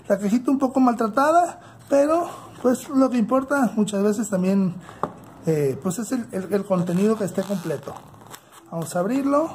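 A Mexican man hosts a casual unboxing at a tabletop indoors, recorded with slight background noise. His voice sits at a fairly high pitch for a man, and he speaks in an unhurried, halting way, as if thinking aloud while his hands are busy. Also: mellow. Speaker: toy unboxing channel host.

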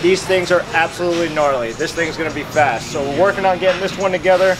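A man in his thirties, the shop manager, gives an upbeat, plain-spoken tour of a large indoor car workshop for a casual walkthrough vlog. His voice sits on the high side and he talks fast. The recording is rough, with music and workshop noise in the background.

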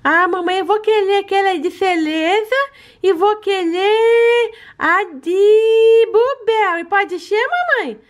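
A woman voicing a polite, gentle little girl doll, speaking slowly. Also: very high-pitched, pitched above the performer's own voice. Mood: sweet.

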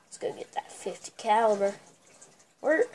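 A woman with a girlish voice giving excitable, trash-talking commentary while playing a shooter game. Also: medium pitch, moderate pace. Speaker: gameplay commentator. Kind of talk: casual gameplay commentary. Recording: noisy recording with steady hiss.

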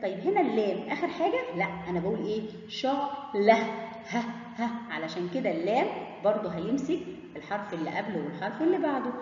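A woman with an Egyptian Arabic accent teaching kindergarteners, drawing out each letter sound slowly and clearly. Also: medium pitch, big pitch swings, a little mellow. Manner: slow, drawn-out sounding of letters and syllables. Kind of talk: children's phonics lesson. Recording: echoey, muffled room from a distance.

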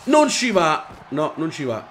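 Young guy with a high voice yelling and cursing through a wrestling game, hyped commentary. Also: measured pace. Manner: energetic, swears and shouts at the game. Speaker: gaming YouTuber. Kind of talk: excited gameplay commentary.

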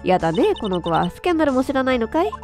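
A woman voicing a pushy, gossiping middle-aged woman who talks brashly and roughly. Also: high-pitched, big pitch swings, rapid-fire, a little mellow, soft background music. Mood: scolding.

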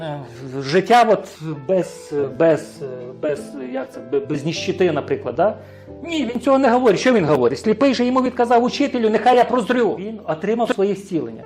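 A man's voice: high-pitched, a little mellow. A man preaching a sermon, often asking his congregation rhetorical questions and tagging his sentences with a questioning "right?".

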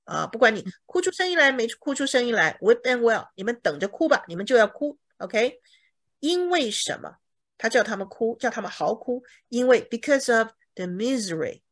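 A woman's voice: a little high, very animated, moderate pace. A woman teaching a bible English lesson in Mandarin, explaining each word and checking with her students. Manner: acts out examples dramatically.

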